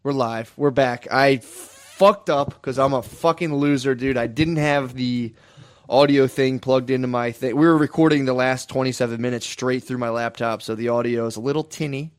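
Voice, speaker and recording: A man's voice: mid-range voice, fairly even intonation, normal speed, clean tone, dry recording. A man hosting a podcast in casual comic chat, slangy and sweary, putting himself down and often saying dude. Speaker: podcast host. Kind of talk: casual chat, self-mocking comedy.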